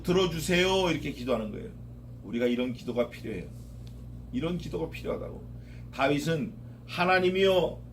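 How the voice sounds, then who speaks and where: A man's voice: a little high, a little hiss or hum. A male pastor preaching a sermon, emphatic and repetitive, his voice rising when he voices prayers. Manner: emphatic, repeats key phrases, rises when voicing prayers.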